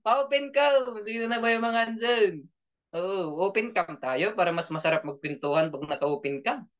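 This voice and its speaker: A man runs an online training session, joking, laughing a lot, and constantly asking his audience questions. His voice sits high and expressive at a normal pace, with a fairly bright tone. The audio is dull and lo-fi.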